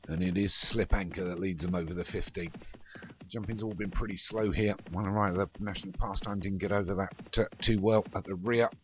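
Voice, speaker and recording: Calling a horse race for an online game league, this man speaks a little fast in a low, steady tone, casual and full of muttered asides and self-corrections. The recording, made at home, sounds dull and noisy with clicks.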